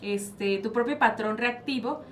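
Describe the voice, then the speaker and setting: Mexican woman, psychologist guest, explains patiently, rhetorical questions, slightly high voice, faint hiss. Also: measured pace. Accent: Mexican Spanish. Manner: explanatory, asks and answers her own questions. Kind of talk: panel discussion. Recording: faint background noise.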